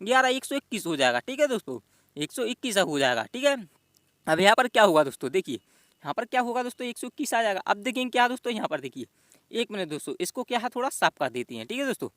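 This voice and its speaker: A man's voice: high voice, sing-song, quick pace, fairly bright tone, no room sound. Male exam tutor, bouncy rhetorical questioning style, dry close sound. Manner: addresses viewers as friends constantly, repeats questions to himself. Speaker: exam-prep reasoning teacher. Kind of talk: step-by-step exam lesson.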